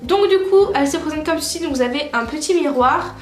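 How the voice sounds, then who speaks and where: A woman's voice: high-pitched, fairly quick. A young woman from France chatting casually through a makeup tutorial, with lots of fillers and self-corrections. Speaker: beauty vlogger. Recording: roomy echo with soft music behind.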